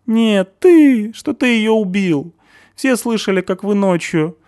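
A man voicing a shrill, cowardly and panicky young man, stammering and hysterical, in an audiobook reading. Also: animated, slow, darkish tone. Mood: panicked. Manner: hysterical, high-pitched and stammering.

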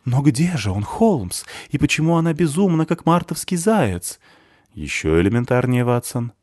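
A man voicing a gruff, sardonic ex-soldier who talks rough and dry while looking after a boy. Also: mid-range voice, sing-song, moderate pace, a little mellow, no echo, voice pushed up. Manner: dry, mocking, rough-spoken. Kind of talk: audiobook character reading.

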